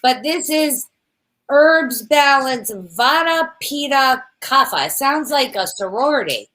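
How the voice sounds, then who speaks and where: A woman's voice: high voice, animated, fairly bright tone. A woman co-hosting a casual chat about products, playful and teasing, fond of made-up words. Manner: playful, unhurried, laughs at her own made-up words. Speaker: co-host.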